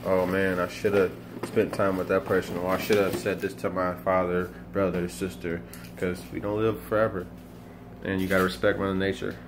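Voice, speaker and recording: At a moderate pace, a motivational vlogger in his 20s gives an earnest, casual talk in a low, mostly flat voice. His monologue rambles, with many restarts and repeated phrases as he thinks aloud. Noticeable background noise runs under it all.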